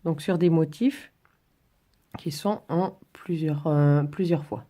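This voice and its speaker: Woman instructor for a relaxation drawing tutorial: very mellow, dark tone, a little husky, informal, pausing mid-phrase. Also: deep voice, fairly even intonation. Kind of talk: informal spoken tutorial, demonstrating while talking.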